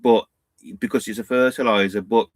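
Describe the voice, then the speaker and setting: A man's voice: lowish voice, fairly even intonation, normal speed, no room sound. A man co-hosting a casual live stream about van life, rambling and laughing as he answers viewer questions. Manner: chatty, rambling, laughs often, says "bloody" and "innit". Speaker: van life channel co-host.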